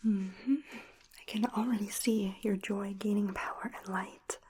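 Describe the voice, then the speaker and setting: A woman doing an ASMR whispered role-play in a soothing, unhurried, breathy whisper, murmuring close to the microphone. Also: medium pitch, fairly even intonation, a little mellow, a little hiss or hum. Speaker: ASMR performer. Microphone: close ear-to-ear stereo microphone.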